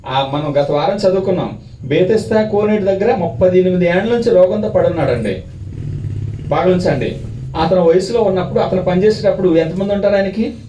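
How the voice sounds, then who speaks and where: Male preacher with a high, mellow voice who asks rhetorical questions with fervor. Sermon recorded from a distance in an echoing hall. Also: fairly quick, a little hiss or hum. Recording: echoey hall, mic at a distance.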